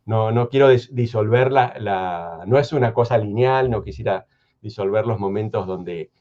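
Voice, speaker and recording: A man with an Argentine Spanish accent, speaking as a guest historian in a thoughtful radio conversation, measured and hesitant, with many restarts. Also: on the low side, a little mellow, muffled recording.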